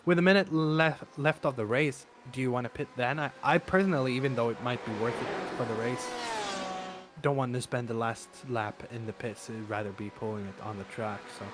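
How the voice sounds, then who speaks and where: A man calling a sim race live, talking through his race-day hoarseness with lots of fillers and restarts. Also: medium pitch, a little fast. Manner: excitable, many fillers and restarts. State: voice wearing out. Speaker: race commentator. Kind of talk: live sim racing commentary. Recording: noisy stream with engine sounds. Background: race car engine noise.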